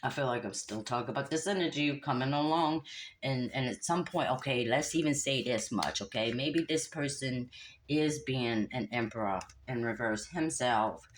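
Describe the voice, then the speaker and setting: A woman's voice: very deep voice, moderate pace, a little hiss or hum. A woman giving a casual tarot reading, sassy and scolding, talking straight to the listener and laughing along. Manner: animated, laughs and hums disapproving "mm-mm-mm". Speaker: tarot reader.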